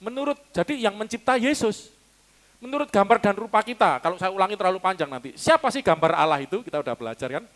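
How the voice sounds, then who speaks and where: A man's voice: high-pitched, animated, quick pace, fairly bright tone. A man preaching a sermon to his congregation, teaching casually, quizzing listeners and laughing now and then. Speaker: pastor. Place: church hall.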